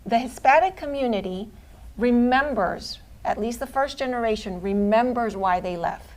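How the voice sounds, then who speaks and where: A woman's voice: a little high, moderate pace. A woman from Venezuela, a radio guest speaking earnestly and insistently. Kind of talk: talk radio interview.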